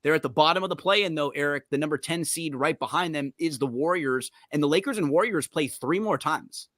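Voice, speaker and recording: A man hosting a podcast, chatting casually and quickly about basketball, often restarting his sentences. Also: a little high, fairly bright tone, no echo, studio quality. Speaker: podcast host. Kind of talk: casual sports chat.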